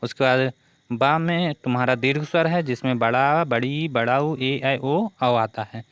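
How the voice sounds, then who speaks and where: A man's voice: medium pitch, a little slow, a bit bright, smooth, dry recording. A man teaching a grammar lesson for exam preparation who keeps asking questions and answering them himself.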